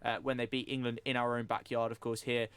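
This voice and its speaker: A male sports radio presenter talks quickly and fluently, laying out a news story and then arguing his view. His voice sits at a middle pitch. It is recorded close and dry in a studio. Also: level tone, fairly bright tone, clear, resonant tone, dry recording. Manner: fast, fluent news rundown with opinions.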